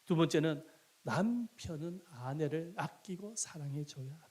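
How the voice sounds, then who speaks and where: A man's voice: a little high, lively intonation, moderate pace, darkish tone, breathy edge. A man from Korea's Gyeongsang Province preaching a sermon as a pastor, emphatic and asking the congregation rhetorical questions. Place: church sanctuary.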